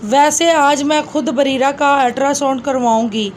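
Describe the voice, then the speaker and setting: A woman's voice: high voice, fairly even intonation, moderate pace, slight background noise, natural voice. A woman reading a story aloud, voicing a blunt female doctor. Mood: shocked.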